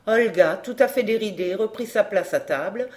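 A woman reading a classic crime novel aloud in a measured, even storytelling voice. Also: medium pitch. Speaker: audiobook narrator. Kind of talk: scripted narration.

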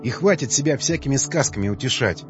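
A man voicing a despairing, worn-out young male survivor who speaks low and heavy. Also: lively intonation, a little fast, faint music behind, close to an everyday voice. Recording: dull, slightly lo-fi dry recording.

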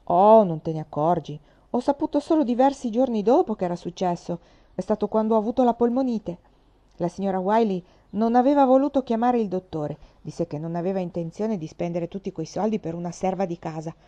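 A woman's voice: mid-range voice, brisk, dark tone, lightly acted. A woman voicing a tough, boastful orphan girl of about twelve who talks in a brash, defiant way. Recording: slightly dull lo-fi recording.

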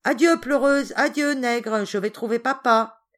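A woman's voice: mid-range voice, lively intonation, moderate pace, close to an everyday voice. A woman voicing a spoiled, arrogant young boy who gives orders and sneers. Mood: bossy sneering. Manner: commanding, sneering.

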